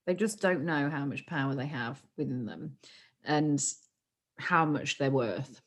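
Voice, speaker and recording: A young woman co-hosting a podcast chats openly and emotionally, laughing frequently. She has a low voice and speaks at a measured pace.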